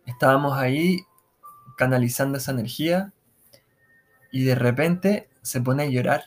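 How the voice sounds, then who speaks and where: A man telling his own paranormal experience in a relaxed, halting, casual way, full of restarts and slang. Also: mid-range voice, faint music behind. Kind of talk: casual first-person storytelling.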